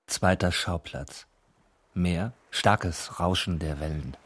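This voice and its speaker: Male announcer, very deep voice, slow neutral reading of the scene directions. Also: husky.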